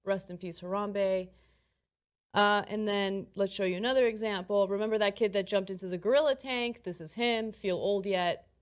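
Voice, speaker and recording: A woman casually presenting examples in a relaxed, hesitant way. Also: mid-range voice, normal speed. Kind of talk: casual commentary.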